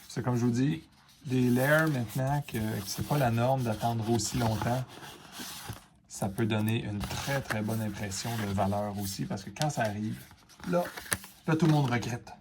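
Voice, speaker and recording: A card-opening video host with a Quebec French accent chats casually to camera while opening cards and reacting to each, rambling with fillers and asides. He has a mid-range voice at a measured pace, with background noise.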